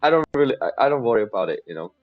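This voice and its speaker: A man's voice: mid-range voice, big pitch swings, very fast. A man, chatting easily as a podcast guest and laughing readily. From Czech Republic. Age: 20s. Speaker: podcast guest, mindset coach. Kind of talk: casual interview chat. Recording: slightly dull lo-fi sound.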